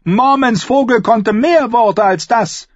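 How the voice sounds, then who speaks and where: A scornful knight, acted by a man, sneers in a loud, raised voice pitched well above the narrator's own. The tone is strained and mocking. The recording sounds slightly dull. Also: takes it slowly, no room sound, exaggerated voice.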